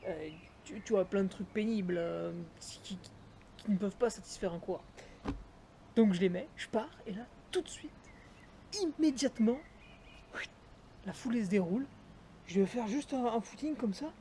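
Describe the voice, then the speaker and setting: A man's voice: high voice, normal speed, pauses often, dark tone, slight background noise. A young man, a trail runner, chatting casually and jokingly to the viewer while reviewing his running shoes. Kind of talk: casual gear review vlog.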